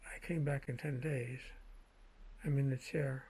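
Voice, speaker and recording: A man speaking in a measured, halting way with a gravelly, husky voice, telling personal anecdotes in a casual monologue. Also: medium pitch, steady tone, dark tone, low-quality recording. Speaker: vlogger telling personal stories.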